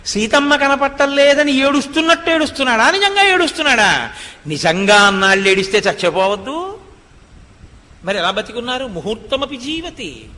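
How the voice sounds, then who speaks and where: An extremely high, sharp-toned male voice gives a devotional discourse as a religious speaker. He tells the story expressively, poses rhetorical questions, and recites Sanskrit verses, with a long hall reverb trailing behind.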